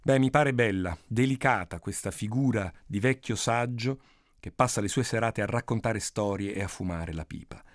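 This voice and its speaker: A man narrating a folk tale in an expressive storytelling style with dramatic pitch swings. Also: moderate pace.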